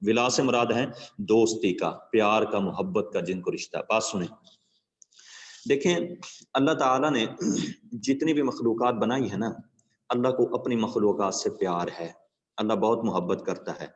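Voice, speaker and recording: Low-voiced male teacher in an echoey room. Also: muffled recording. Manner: asks the class rhetorical questions and checks understanding; tells moral stories to students. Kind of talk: classroom lecture explaining a poem.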